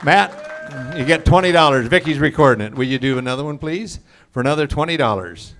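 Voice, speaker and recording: A man hosting a class auction, calling out prize winners and joking with the crowd in a booming voice. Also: expressive, brisk, fairly bright tone, soft background music. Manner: jokey, booming crowd address. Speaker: auction host. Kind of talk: live event emcee.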